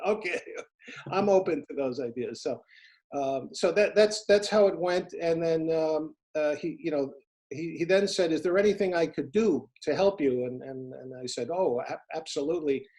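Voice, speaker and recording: A middle-aged man from the United States, telling stories as an interview guest in an earnest, halting way with many restarts. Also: on the high side, darkish tone. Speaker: interview guest, former FBI agent turned private investigator. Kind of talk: casual interview, storytelling.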